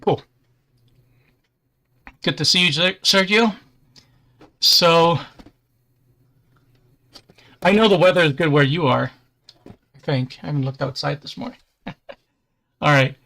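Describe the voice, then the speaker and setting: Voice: medium pitch, slow pace, gravelly, long pauses, pushed and bright. A host chatting casually on a livestream while building a model kit, easygoing, with dry self-deprecating humor.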